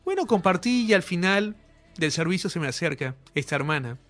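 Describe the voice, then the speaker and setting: High-voiced man preaching fervent healing commands. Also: very animated, a little fast, fairly bright tone, soft background music. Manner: direct address to viewers. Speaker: healing evangelist. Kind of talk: televised healing sermon.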